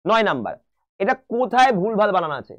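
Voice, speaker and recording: A man's voice: high-pitched, a little fast, lo-fi sound. A man teaching an English exam-prep class online, asking his students question after question and mixing English terms into his explanations. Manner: animated, asks the students many questions.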